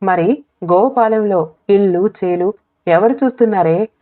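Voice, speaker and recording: A woman voicing an elderly village woman who questions an old friend gently and speaks up to be heard, in a tinny phone-like recording. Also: medium pitch, a little slow, lightly acted. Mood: concerned.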